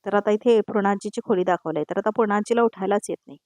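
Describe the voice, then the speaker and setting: A woman's voice: medium pitch, fast, darkish tone, no echo, studio quality. Chatty woman recapping a serial. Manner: conversational, opinionated, repetitive connectives. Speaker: serial review narrator. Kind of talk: voice-over episode recap.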